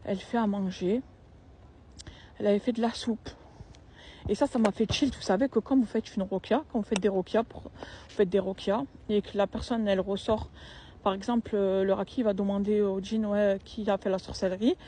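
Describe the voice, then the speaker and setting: A woman's voice: mid-range voice, steady tone, moderate pace, warm tone, slight background noise. A young woman, telling a personal story in a casual, slangy, emphatic and repetitive way.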